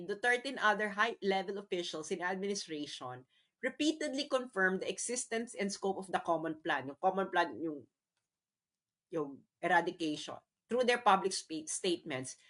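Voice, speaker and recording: Filipino woman, bright voice, reads a document aloud and comments on it casually. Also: medium pitch. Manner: mixes Tagalog and English, reads aloud then comments with laughs. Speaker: political commentator.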